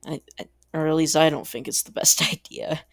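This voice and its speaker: A man's voice: fairly high pitch, fairly even intonation, a little fast, gravelly, no echo, studio quality. A man giving casual, rambling commentary over a strategy game, chatty and full of asides, little laughs and mild exasperated swearing. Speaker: gaming channel host.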